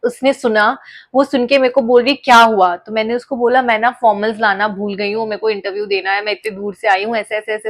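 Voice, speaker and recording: A young woman vlogger telling a personal story in a casual, animated way, often mixing English phrases into her talk. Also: fairly high pitch. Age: young adult.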